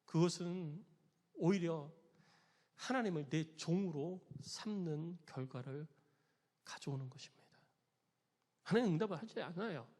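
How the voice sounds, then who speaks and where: A man's voice: a little slow, long pauses, darkish tone, big-room sound. A man preaching a sermon as pastor, telling a parable with emphatic delivery and acting out the quoted voices. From Korea. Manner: emphatic preaching, acts out quoted voices with raised pitch and volume.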